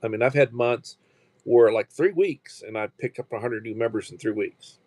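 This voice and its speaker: A man in his sixties hosts a casual livestream, rambling along with fillers and halting, repeated restarts. His medium-pitched voice has a darkish tone, with no room sound in the recording.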